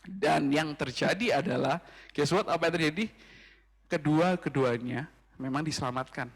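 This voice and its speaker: A man's voice: a little high, normal speed, breathy edge, long reverb tail. A man giving a casual youth sermon, chatty and sprinkled with English phrases. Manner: casual, mixing in English phrases, addressing "guys". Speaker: youth pastor. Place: church livestream.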